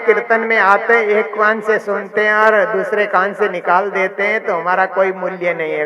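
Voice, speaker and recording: A man's voice: high voice, poor audio. A man giving a devotional sermon as a religious teacher, repeating phrases and asking rhetorical questions that he answers himself. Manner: repetitive, asks rhetorical questions and answers them. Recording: live gathering with audience sounds.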